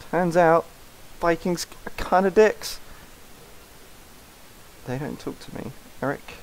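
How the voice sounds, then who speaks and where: A man's voice: fairly high pitch, slow pace, a little hiss or hum, rough recording. A man commenting on a video game as he plays, rambling and mumbling in a self-mocking way. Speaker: let's play host. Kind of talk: casual gameplay commentary reading game dialogue aloud.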